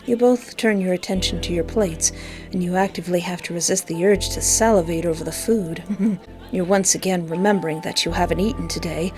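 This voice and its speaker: A woman reads a visual novel aloud with expression, reacting in a playful, giggly way. Her voice is on the low side, fairly quick and a little mellow, and game music plays behind her.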